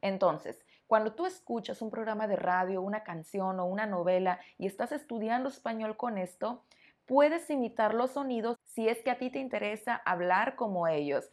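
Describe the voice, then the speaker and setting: A woman's voice: mid-range voice, moderate pace, a little mellow. A woman teaching Spanish in a podcast lesson, explaining in a conversational way, talking straight to the listener and asking rhetorical questions. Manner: friendly, direct address to the listener.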